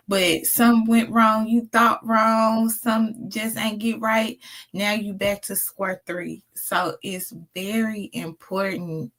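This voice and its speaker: A woman with a Mississippi Southern accent hosting a casual live doula talk, speaking in an encouraging, emphatic, conversational way. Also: medium pitch. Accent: Mississippi Southern American. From Mississippi, United States. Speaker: host of a doula talk show. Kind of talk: casual live interview chat.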